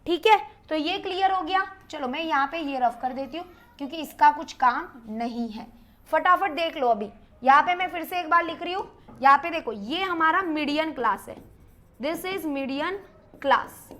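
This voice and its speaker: High-voiced brisk woman math teacher. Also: lively intonation, a bit bright. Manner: brisk, counts aloud and quizzes the class; mixes English terms into her talk. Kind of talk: whiteboard math lesson.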